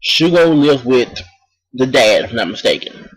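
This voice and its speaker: A man's voice: medium pitch, expressive, normal speed, rough recording. A man casually reviewing an anime, rambling with many ums and restarts while talking around a cough drop.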